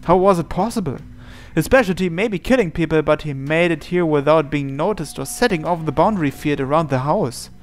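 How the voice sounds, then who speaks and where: Behind the game's music, a gaming channel host reads visual novel narration in a dramatic manner. His pitch is fairly high and his delivery fairly quick.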